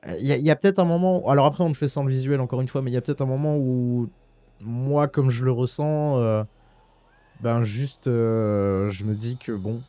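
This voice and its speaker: A man's voice: mid-range voice, steady tone, a little fast, warm tone, dry recording. A man co-hosting a casual music podcast, talking with many fillers and restarts. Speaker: podcast co-host. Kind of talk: casual chat about music. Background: music playing.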